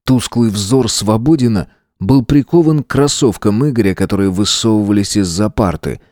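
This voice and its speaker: A man giving steady, measured dramatic audiobook narration. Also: lowish voice, dry recording, studio quality.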